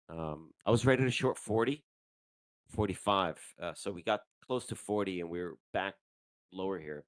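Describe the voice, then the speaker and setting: On his live trading stream, a low-voiced man talks through trades in a relaxed, conversational way, with fillers and the occasional swear word. He holds his microphone in his hand, and the recording has no room sound.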